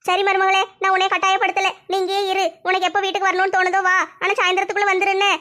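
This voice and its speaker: A woman voicing a mother-in-law who gently coaxes her daughter-in-law to come home. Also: very high-pitched, monotone, fast. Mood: coaxing. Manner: soothing and persuading.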